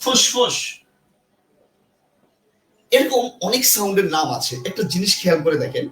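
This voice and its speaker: A man teaching a live online grammar class, energetic, repeating points and quizzing his viewers. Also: high-pitched, normal speed, echoey room, slight background noise, poor audio. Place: indoor room with a ceiling fan.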